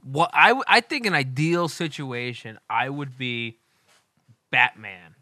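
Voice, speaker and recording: A man's voice: mid-range voice, measured pace, pushed and bright, no room sound. A young man co-hosting a podcast, chatting casually and telling stories in a loose, joking way. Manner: loose, joking storytelling with laughs. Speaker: podcast co-host. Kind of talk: casual chat.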